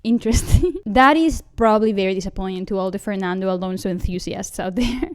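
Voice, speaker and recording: A woman's voice: mid-range voice, fast talker, clean tone. A woman hosting a comic fan fiction reading, with wry, sarcastic, laughing asides.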